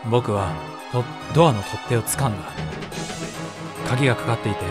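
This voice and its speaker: A man's voice: mid-range voice, moderate pace, over loud music. A man streaming, narrating a horror game dramatically and breaking off for joking asides.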